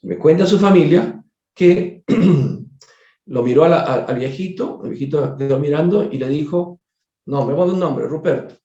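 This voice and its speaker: A doctor telling a case story during a spiritist book study, conversational and digressive, repeating words and turning to his listeners with quick asides. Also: a little high, dark tone. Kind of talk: storytelling lecture. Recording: echoey room, dull lo-fi sound.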